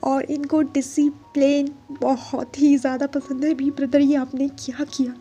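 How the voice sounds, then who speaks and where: A woman's voice: sits high, little pitch movement, a little slow, dark tone, pitched above the performer's own voice. A woman doing a panicky young college guy. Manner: anxious, fretful.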